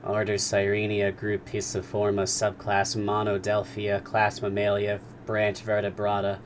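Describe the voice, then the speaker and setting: A man's voice: lowish voice, completely flat delivery, measured pace, a little hiss or hum, close to an everyday voice. A man reading aloud as an earnest young servant who speaks seriously and lists facts pedantically. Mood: pedantic.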